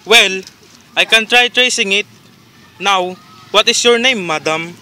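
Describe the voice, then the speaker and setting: Man acting unhurried chief telephone operator, high-pitched, very crisp bright tone, formal, bureaucratic, amateur radio play. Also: heavily acted. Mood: formal, doubtful.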